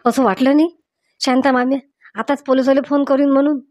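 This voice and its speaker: A woman's voice: high voice, level tone, a little mellow, no room sound, natural voice. A woman playing a boastful but cowardly young village man, panicky and whining. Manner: bragging then panicky, fast whining.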